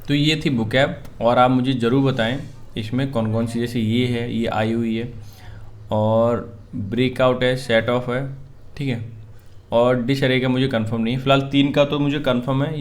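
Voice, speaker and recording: A young man with an Indian accent teaches English for exams. He mixes Hindi with English and reads English words slowly. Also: mid-range voice. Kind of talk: lecture explaining vocabulary and a cloze test.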